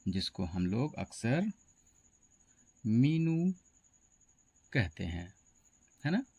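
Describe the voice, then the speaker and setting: A man's voice: fairly low pitch, gravelly, darkish tone, no echo, dull audio. A man teaching a pronunciation lesson to students, spelling out words letter by letter.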